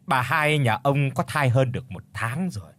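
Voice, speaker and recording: A man voicing a proud village herbal healer who talks slowly and self-importantly. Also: mid-range voice, animated, a bit bright, close to an everyday voice. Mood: grave.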